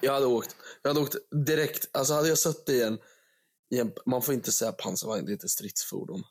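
En ung man från Sverige som programledare i en podcast, pratar livligt och skämtsamt med svordomar. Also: mid-range voice. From Sweden. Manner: animated, joking, swearing storyteller. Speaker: podcast host. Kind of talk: casual chat.

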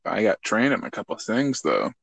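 A man's voice: fairly low pitch, big pitch swings, fairly quick, gravelly, slight background noise. A young man in casual chat, laid-back and jokey, swearing freely.

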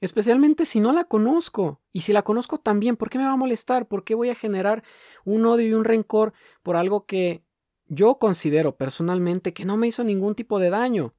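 Mellow-voiced man musing aloud. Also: high-pitched, dry recording, studio quality. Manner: thoughtful, poses many rhetorical questions; slows down to stress key words. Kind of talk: reflective monologue.

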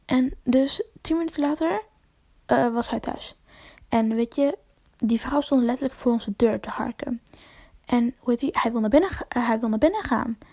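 Young woman, casual slangy storyteller; warm, somewhat high voice, dry close sound. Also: normal speed, no room sound. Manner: rambling, slangy, swears, many fillers. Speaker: vlogger.

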